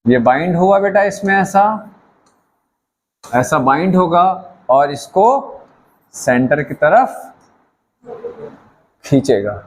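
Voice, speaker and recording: A man's voice: a little high, slow pace, long pauses, slight background noise. A middle-aged man teaching a biology class, acting out a demonstration with students and often asking whether they follow. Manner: animated, asks students questions and calls them "beta". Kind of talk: classroom lecture with live demonstration.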